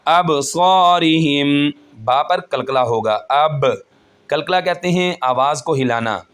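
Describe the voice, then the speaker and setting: A man teaching Quran recitation rules, explaining each point slowly and patiently and chanting the verses in a melodic voice. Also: mid-range voice, fairly bright tone. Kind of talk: tajweed lesson with chanted recitation.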